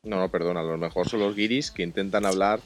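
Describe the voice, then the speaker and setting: A man with a mid-pitched, lively voice that swings up and down as he laughs and swears through a casual podcast chat, with faint music underneath. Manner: animated, laughs and swears freely.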